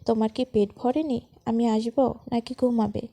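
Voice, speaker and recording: A woman's voice: on the high side, fairly even intonation, normal speed, warm tone. A woman voicing a stern young husband in a storybook romance, speaking coldly and curtly. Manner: cold, curt.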